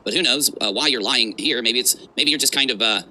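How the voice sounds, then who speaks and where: Quick, mocking reaction commentary comes from a male livestream host whose medium-pitched voice is very bright and forceful. He stresses words heavily and piles on sarcasm, over a little hiss or hum.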